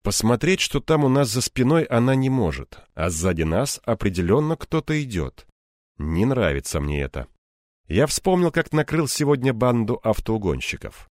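Man, first-person audiobook narration, wry ironic asides, lively pitch, dry close recording. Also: moderate pace, no echo.

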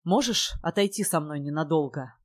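Woman reads a flustered young student, low, hesitant, irritable, audiobook. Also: animated, normal speed, no echo, clean studio sound. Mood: strained. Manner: hesitant, faltering. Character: shy, irritable young male student in love.

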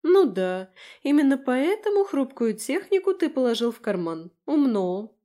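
A woman's voice: high voice, big pitch swings, unhurried, dark tone, pitched above the performer's own voice. A woman voicing a brash, sarcastic, chatty young woman in an audiobook, teasing and mocking. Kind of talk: audiobook character voice.

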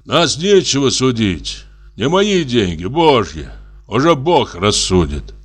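A man voicing a calm, pious old pilgrim who talks slowly and reproachfully. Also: mid-range voice, husky, full character voice. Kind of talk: audiobook character voice.

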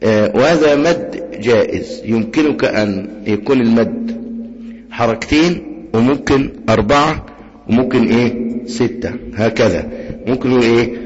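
A man with an Egyptian accent teaching Quran recitation rules, patiently asking the class questions, answering them himself and chanting examples slowly. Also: mid-range voice, darkish tone. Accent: Egyptian Arabic. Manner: demonstrates recitation with slow drawn-out chanting. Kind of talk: tajweed lesson. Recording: dull lo-fi recording with long reverb.

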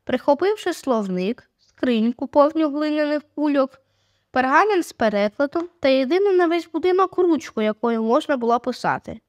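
Female audiobook narrator, high voice, dry studio sound. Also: normal speed, no room sound. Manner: steady storytelling. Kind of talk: scripted narration.

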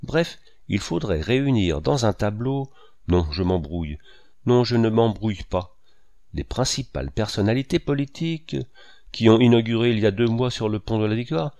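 A man reading a novel aloud, putting on a fussy, chattering old lady who repeats herself and piles up rushed phrases. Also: fairly low pitch, lively intonation, darkish tone. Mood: fussy gushing.

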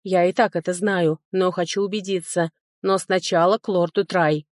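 A woman's voice: on the low side, steady tone, normal speed, no room sound, clean studio sound, lightly acted. A woman voicing a furious male duke and mage, barking orders in a commanding voice. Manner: commanding, demanding.

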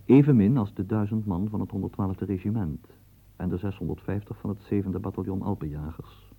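A man with a lowish, husky voice narrates a scripted radio play, guiding the listener through the scene like a storyteller. The recording is tinny and lo-fi, like old radio.

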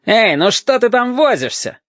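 A man's voice: extremely high pitch, big pitch swings, moderate pace, a bit bright, no echo, pitched above the performer's own voice, full character voice. A man voicing a panicky adult navy lieutenant who shrieks and blusters, in an audiobook reading. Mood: mocking. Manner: screechy, blustering, barking orders. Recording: dull, dry audiobook recording.

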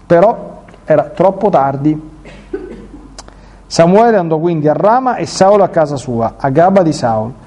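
A man's voice: on the high side, expressive, unhurried, long pauses, mellow. A man reading scripture and adding colloquial, joking asides for his listeners. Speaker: catechist. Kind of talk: bible reading with commentary.

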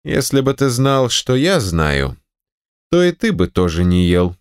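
A man reading a story, voicing a capricious, imperious elderly wife of a general, raised in pitch and full of reproachful exclamations. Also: big pitch swings, unhurried, clear, resonant tone, no room sound, studio quality.

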